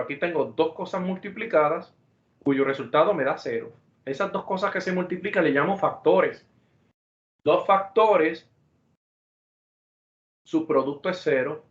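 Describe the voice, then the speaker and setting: A man's voice: fairly high pitch, a bit bright. Man lecturing in a roomy, dull recording. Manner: deliberate, explanatory, repeats examples and self-corrects. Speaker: math teacher. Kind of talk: virtual classroom lecture.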